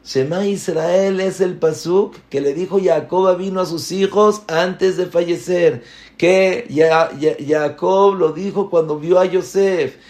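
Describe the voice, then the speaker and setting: Slow gravelly man teaching in an echoey room. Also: high voice, a little mellow. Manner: emphatic, mixes Hebrew terms into Spanish, rhetorical questions. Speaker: rabbi giving a Torah class. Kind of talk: religious lecture.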